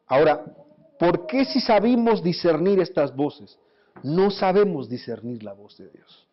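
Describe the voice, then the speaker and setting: High-voiced man preaching a sermon. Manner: animated preaching with rhetorical questions. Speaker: pastor. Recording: dull lo-fi recording.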